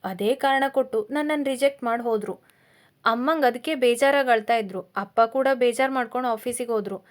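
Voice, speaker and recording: A woman voicing a gentle, upset younger sister who speaks softly and apologetically in a storybook reading. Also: a little high, fairly quick, lightly acted.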